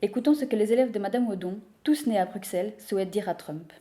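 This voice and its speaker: A woman giving measured, explanatory scripted narration. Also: medium pitch, warm tone.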